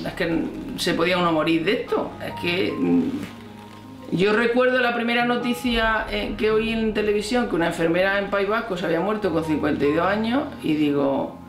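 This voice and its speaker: Spanish woman, hospital colleague, animated storyteller, mid pitch, roomy echo. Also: fairly quick. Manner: animated storyteller, acts out remembered dialogue. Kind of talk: documentary interview. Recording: roomy room with faint music.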